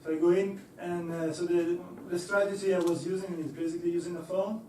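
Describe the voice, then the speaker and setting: A young man's high-pitched, darkish voice comes across flat and fairly quick as he gives an engineering talk in a lecture hall. He is hesitant, laughs easily, and keeps using fillers and restarting. The echoey recording places him far away, with a little hiss or hum.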